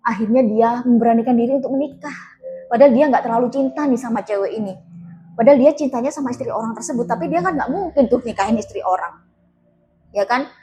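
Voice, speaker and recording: A woman's voice: fairly high pitch, fast talker, warm tone, slight background noise. Chatty woman telling a story. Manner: chatty, addresses listeners directly, many fillers. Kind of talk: casual spoken storytelling.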